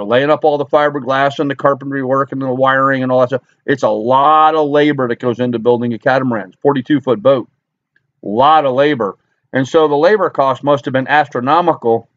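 A middle-aged American vlogger from Long Island, New York, talks casually through his commentary in a higher-pitched voice. He records on a computer webcam at desk distance in a small, cluttered indoor room with a wooden ceiling, and the sound is dry and dull.

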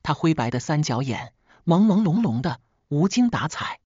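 A woman's voice: deep voice, sing-song, normal speed, warm tone, husky, no room sound. A woman narrating a family drama in the first person, dramatic and emotional. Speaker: storyteller. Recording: slightly dull, dry lo-fi recording.

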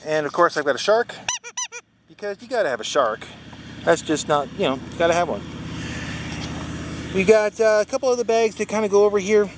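A man's voice: high voice, a little fast, pauses often, background noise. A man in his forties from Wisconsin casually walking through his touring bike gear in one take, rambling with lots of fillers and self-corrections, filmed outdoors at a trailhead with a handheld camera at arm's length. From Wisconsin, USA. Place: outdoors at a trailhead parking area. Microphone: handheld action camera at arm's length.

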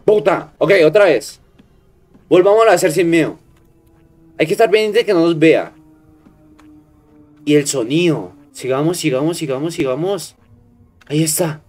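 A young man with a Colombian accent, commenting on a horror game he plays, jumping at scares, swearing and hushing himself. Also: fairly high pitch, normal speed, long pauses, soft background music. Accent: Colombian Spanish. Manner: jumpy, yelps and swears at scares, hushes himself. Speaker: gaming streamer.

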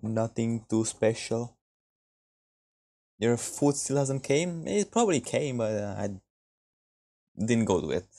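Slow, gravelly young man streaming. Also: mid-range voice, animated, mellow. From Romania. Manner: laid-back, joking, laughs often. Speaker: game streamer. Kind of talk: casual gameplay chat with viewers.

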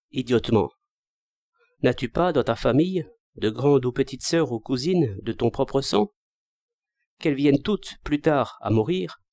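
A man's voice: mid-range voice, darkish tone, dry recording, lightly acted. Brief: man playing a proud, weepy young woman who scolds from afar in a storybook reading, slightly raised voice, dry sound. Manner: reproachful, sobbing speech. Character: young woman, tearful, sharp-tongued and proud.

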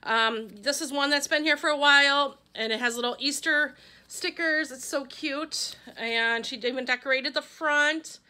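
A woman's voice: sits high, moderate pace, pushed and bright. A middle-aged woman from Wisconsin chatting casually as she opens fan mail, gushing and talking to her pet along the way. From Wisconsin, USA. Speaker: vlogger opening fan mail. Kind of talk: casual chat.

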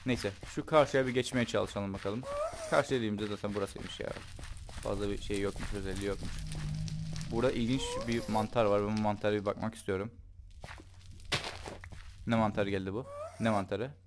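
A man giving casual, jokey commentary while playing a video game, breaking into excited yells. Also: on the low side, quick pace, background noise. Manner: chatty, jokey, bursts into excited yelling. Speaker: gameplay commentator. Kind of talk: let's play commentary.

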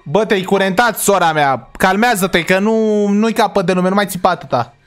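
A young man hosting a reaction video, talking casually in slang and yelling in panic at jump scares. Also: sits high, soft background music.

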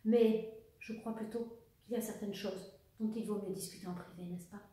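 A woman voicing a tall, controlled male officer from Norway who speaks in a low, measured, restrained way, heard in an echoey room from a distance from the mic. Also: fairly even intonation, mellow, lightly acted. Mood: calm. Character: Norwegian officer, a man, tall, calm and controlled.

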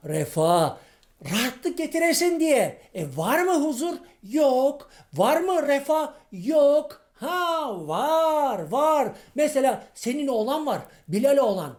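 A man's voice: extremely high pitch, a little mellow. A male comedian playing a grumbling, irritable middle-aged man on the street in a comic monologue sketch, ranting in folksy slang and firing off rhetorical questions.

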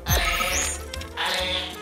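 A woman's voice: lowish voice, monotone, drawn-out words. A woman voicing a proud, formal card-playing robot that is glitching and announcing its own malfunction alerts in a video game. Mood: alarmed. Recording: echoey and distant, under loud game music.

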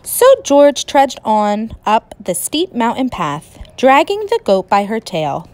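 Slow, lively-voiced woman teacher reading aloud. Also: a little high. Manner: slow, expressive storytelling. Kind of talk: picture book read-aloud.

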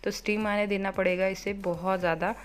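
Fast-talking chatty woman home vlogger. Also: medium pitch, flat delivery, faint music behind. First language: Marathi. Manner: fast, chatty, many fillers. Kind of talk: casual home vlog, cooking and chores.

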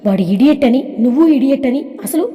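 A woman's voice: high voice, lively intonation, brisk, dull audio. A woman voicing a hot-tempered, dramatic young woman who snaps and sulks, in a storybook reading. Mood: angry sulking. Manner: angry, whiny outbursts. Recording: echoey reverb.

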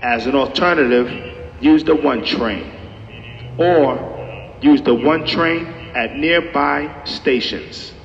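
Dude reading airport style transit announcement, kinda slow, echoing hall, bit muffled. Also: male voice, medium pitch. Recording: muffled, reverberant hall, faint noise.

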